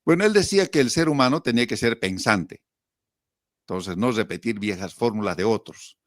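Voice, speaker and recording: Recorded with clean studio sound and no room sound, this middle-aged Bolivian-accented man speaks at a fairly low pitch and normal pace. As an interview guest he looks back casually on the past, telling lively stories in which he acts out quotes and asks himself rhetorical questions.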